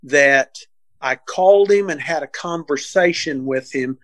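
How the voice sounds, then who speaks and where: A man being interviewed, telling a case story in a casual, animated way, acting out what people said, with frequent restarts. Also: on the high side, unhurried, no room sound.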